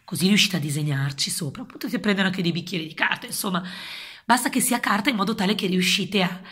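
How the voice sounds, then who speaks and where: Husky woman presenting children's crafts. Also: medium pitch, fast talker, fairly bright tone. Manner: coaxing, checking in with listeners. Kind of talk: simple instruction addressed to children.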